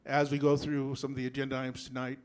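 A man in his thirties from a reservation in Washington speaks into a handheld microphone in a public meeting room. His talk is earnest and halting, and his voice has a nervous tremor. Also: mid-range voice, monotone, a little mellow. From Yakama Reservation, Washington. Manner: halting, earnest, clears throat often. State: nervous, voice shaking. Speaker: school board member. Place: school board meeting room.

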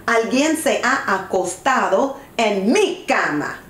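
A loud, gruff papa bear bellows from the pages of a children's storybook, as a woman reads him out. He speaks slowly and deliberately, and the echo of a bare room hangs around every word. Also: mid-range voice, expressive. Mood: indignant. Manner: loud exclaiming. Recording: echoey room.

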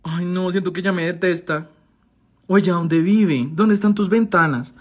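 A man's voice: high-pitched, measured pace. Gushing young Colombian man streaming live. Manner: theatrical, gushing, swears freely. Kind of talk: casual live stream chat.

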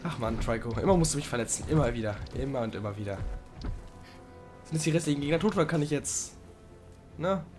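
A young man doing casual let's play commentary, chatting to the game creature and sometimes swearing loudly. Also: fairly high pitch, expressive, quick pace, pauses often, faint music behind.

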